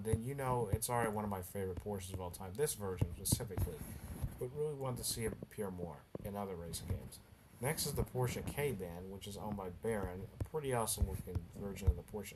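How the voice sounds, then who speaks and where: A man's voice: lowish voice, very noisy. A man casually running through the cars of a video game, rambling and often breaking into giggles.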